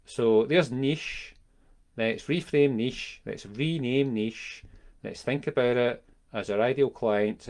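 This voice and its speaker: A man talking alone to his audience in a reflective way, often pausing and searching for words as he reframes ideas. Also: medium pitch, darkish tone. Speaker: business coach. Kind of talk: solo talk to camera.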